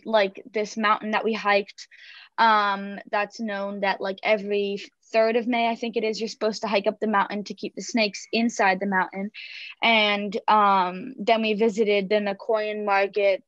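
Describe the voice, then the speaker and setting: A woman's voice: mid-range voice, no room sound, lo-fi sound. A woman speaking as a student guest in an interview over a video call, hesitant with many fillers. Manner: hesitant, many ums and likes. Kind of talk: casual interview answer.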